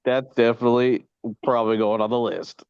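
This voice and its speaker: A man's voice: mid-range voice, level tone, brisk, clean tone, no room sound. Laid-back man chiming in on a podcast. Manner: laid-back, chimes in briefly. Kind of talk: casual chat. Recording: dry, dull lo-fi mic.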